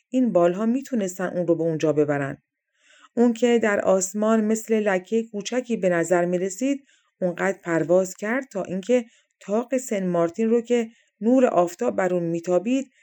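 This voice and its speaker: A woman narrating a fairy-tale audiobook in a calm, even storytelling manner. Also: medium pitch.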